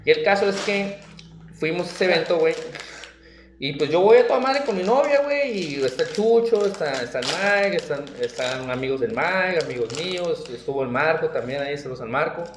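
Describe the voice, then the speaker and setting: Un hombre joven con acento mexicano cuenta una anécdota en plática informal, lleno de modismos y muletillas. Su voz es un poco aguda. La grabación suena en una sala con bastante eco. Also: male voice, a little high, fairly quick, a little hiss or hum. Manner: slangy, lively storytelling full of "güey" fillers. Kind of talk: casual chat. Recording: roomy echo.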